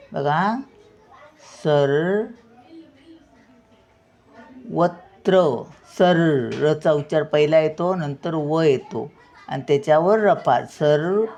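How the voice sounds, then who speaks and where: A woman's voice: low-pitched, a little mellow. An older woman teaching a spelling lesson, patiently sounding words out syllable by syllable.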